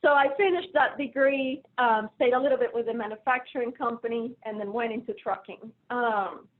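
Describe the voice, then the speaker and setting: A Colombian finance executive with a Colombian Spanish accent joins a casual remote interview as a guest, chatty and quick to poke fun at herself. Her fairly high voice comes at normal speed, and the video call gives the audio a narrow, phone-like quality.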